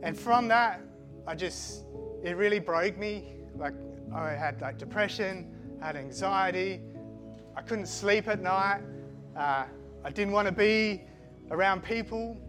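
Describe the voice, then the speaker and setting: A middle-aged man, born in Switzerland but raised in Australia, speaks with a mixed Australian accent in a high-pitched voice. He gives a halting personal testimony packed with fillers and restarts, with music playing behind him.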